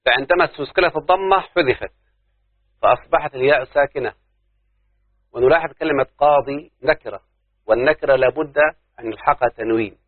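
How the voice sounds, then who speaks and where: An Egyptian man teaches a grammar class, explaining each point step by step and tossing questions to his students. His voice sits in a middle range, and it comes through a thin, phone-like recording with no room echo at all. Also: medium pitch. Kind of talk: classroom lesson on Arabic grammar. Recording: tinny phone-like dry recording.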